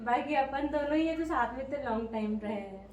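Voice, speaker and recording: Young woman, playful teasing, high pitch, roomy echo, faint background noise. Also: lively intonation, a little fast, darkish tone, highs cut off. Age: young adult. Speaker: vlogger's friend. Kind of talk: casual chat. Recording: echoey room with faint noise.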